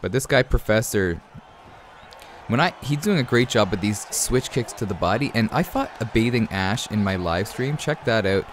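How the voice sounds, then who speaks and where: There's slight background noise as a young man from Canada, nursing a cold, casually breaks down his gameplay in a lowish, animated voice at a moderate pace. As a gaming commentator, he often refers to his listeners as "guys" and "man."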